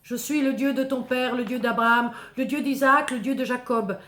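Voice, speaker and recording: A woman's voice: on the high side, fairly even intonation, normal speed, fairly bright tone, voice pushed up, lightly acted. A woman voicing a solemn, commanding God in dramatic biblical storytelling, declaiming with authority. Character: God speaking from burning bush, solemn, commanding, divine. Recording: echoing, reverberant voice recording.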